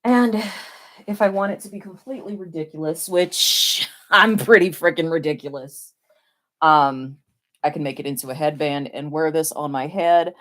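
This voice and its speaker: A woman's voice: low-pitched, moderate pace, a bit bright. A woman with a Tennessee accent chatting casually and playfully as she streams balloon twisting, often poking fun at herself. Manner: self-deprecating, playful. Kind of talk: casual live craft chat.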